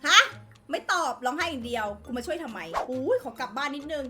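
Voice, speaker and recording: Very high-voiced, rapid woman game host. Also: faint music behind. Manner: energetic, playful, loud exclamations and shouts; talks to the viewers as children, casual slang. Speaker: gaming channel host. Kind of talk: excited game commentary.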